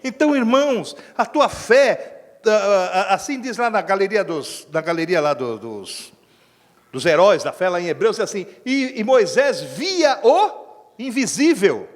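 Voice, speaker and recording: A man with a Brazilian accent preaching a sermon as pastor, telling a story in an animated way and acting out what people said. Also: sits high, normal speed. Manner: animated storytelling preacher, acts out quoted speech. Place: church hall. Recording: echoey church hall with long reverb.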